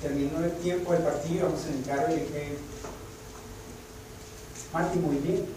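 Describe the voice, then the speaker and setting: A man preaching a sermon, telling stories and dropping to soft near-whispers at times, then rising loud and emphatic. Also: on the high side, level tone, fast. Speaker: pastor. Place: church sanctuary. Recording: echoey hall from far off, noisy.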